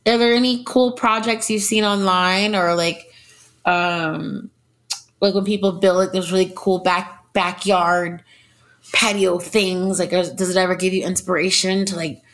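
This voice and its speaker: A woman's voice: on the low side, fairly even intonation, unhurried, a bit bright. A young adult woman hosting a casual chat in an informal, conversational way. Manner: informal, peppered with "like". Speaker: podcast host.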